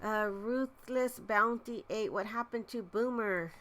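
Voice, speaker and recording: Bright-voiced, giggly woman livestreamer with a cold. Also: a little high, unhurried. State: sick with a cold. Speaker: live stream host and vlogger. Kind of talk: casual livestream chat.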